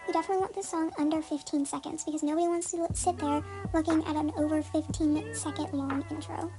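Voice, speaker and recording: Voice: steady tone, fast. A tutorial host speaking through a voice changer that disguises their voice, chatty and full of "like" and "um". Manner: chatty, many "like" and "um" fillers. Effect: voice changer disguising the voice, pitched very high. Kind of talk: casual step-by-step tutorial.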